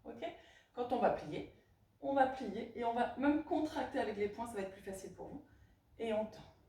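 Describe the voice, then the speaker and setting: A woman's voice: on the high side, warm tone, a little hiss or hum. Echoey distant woman coaching pilates. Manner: brisk counting and breathing cues. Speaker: pilates instructor. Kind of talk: guiding a live fitness class. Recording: echoey room, voice from far off.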